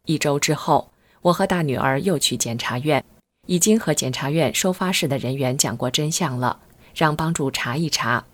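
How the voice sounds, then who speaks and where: Middle-aged woman reading out her own story, deep low voice, earnest and steady. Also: moderate pace. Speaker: narrator of a personal account. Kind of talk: read-aloud first-person testimony.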